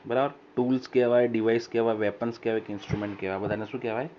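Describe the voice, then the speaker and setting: In this recorded classroom lesson, a man with a mid-range, level voice teaches English vocabulary, saying every example sentence slowly and louder and then explaining it. Short questions let him confirm his students understand, and a faint hiss runs through the dull lo-fi recorder audio.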